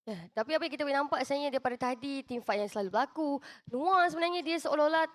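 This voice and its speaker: A woman's voice: high-pitched, very fast, no room sound, clean studio sound. A woman with a Malaysian accent doing urgent live play-by-play of an esports match, narrating each action as it happens.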